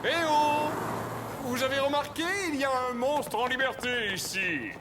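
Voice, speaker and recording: Pompous, swooping cartoon villain fish. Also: male voice, fairly high pitch, big pitch swings, moderate pace, background noise. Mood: vengeful, grandiose. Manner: pompous, gloating, melodramatic villain with flowery phrasing. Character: scheming, vain villainous pet fish, theatrical and bossy. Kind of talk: animated cartoon acting.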